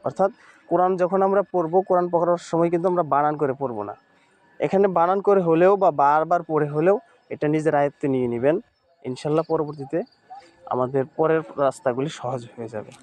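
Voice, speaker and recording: A man teaching Quran reading in an online lesson, patiently spelling out Arabic letters and repeating words slowly. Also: on the high side, darkish tone. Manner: Arabic letter names in Bengali speech.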